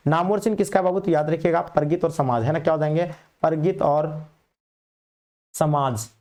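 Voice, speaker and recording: A man leads an exam revision lesson, quizzing students briskly and repetitively while calling them "babu." His voice is fairly high in pitch and a little mellow.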